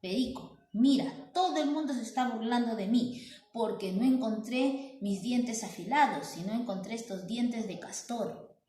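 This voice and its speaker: A woman's voice: fairly high pitch, unhurried, dark tone, close to an everyday voice. A woman voicing a grumpy, annoyed crocodile who complains, in a children's story. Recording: roomy echo.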